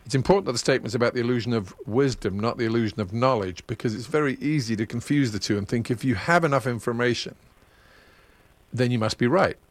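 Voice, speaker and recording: A man's voice: medium pitch, fast talker, no echo. A man hosting a casual radio chat, talking in a chatty, digressive way and laughing at his own asides. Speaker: radio host.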